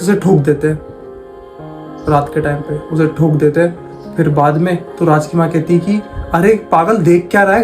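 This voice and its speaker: A man's voice: fairly high pitch, a little mellow. A man casually telling a horror story, talking in a conversational way and repeating phrases for emphasis.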